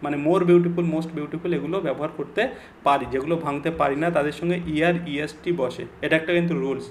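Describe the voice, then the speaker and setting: A young male English grammar teacher with a Bengali accent, explaining an online exam-prep lesson and reading English example sentences slowly and deliberately. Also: on the high side, steady tone, a little hiss or hum.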